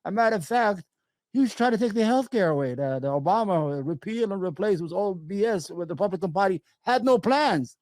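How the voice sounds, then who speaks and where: A man hosts a casual political interview. He rambles and speaks with emphasis, often restarting his sentences, in a fairly high voice. The recording is close and dry, with no room sound. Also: expressive, a little fast, darkish tone, no echo. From Brooklyn, New York. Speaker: show host.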